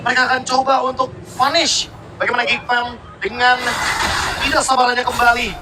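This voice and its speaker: Man, esports analyst, high voice, rapid dramatic commentary over loud event noise. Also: little pitch movement. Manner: dramatic, poses rhetorical questions. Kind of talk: live game tournament commentary.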